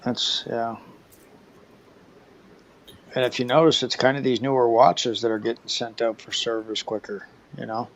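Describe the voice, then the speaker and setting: A man's voice: medium pitch, level tone, normal speed, long pauses, muffled recording, a little hiss or hum. A man co-hosting a casual chat over a video call, talkative.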